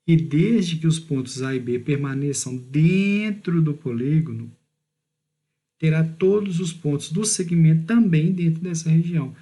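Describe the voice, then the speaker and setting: A man with a Brazilian Portuguese accent, teaching a recorded math lesson and explaining step by step, drawing out key words slowly and checking in with "beleza?". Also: on the high side, mellow.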